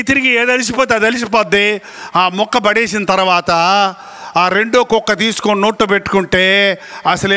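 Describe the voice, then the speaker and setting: Casting note: male pastor, bright and high, animated storyteller who stretches words for emphasis. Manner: animated storytelling, acting out voices and animal sounds. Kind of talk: sermon.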